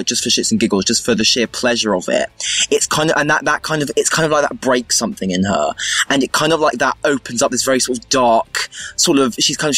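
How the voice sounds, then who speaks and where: A man's voice: medium pitch, fairly bright tone, husky, no echo. A man in casual discussion, hesitant, with many fillers and hedging phrases.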